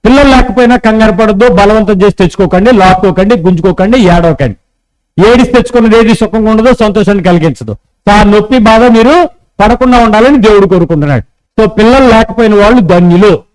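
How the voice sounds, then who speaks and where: High-voiced man preaching a sermon. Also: fast, rough recording. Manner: preaching with call-and-response prompts to the congregation; acts out quoted dialogue in a lowered voice. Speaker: pastor.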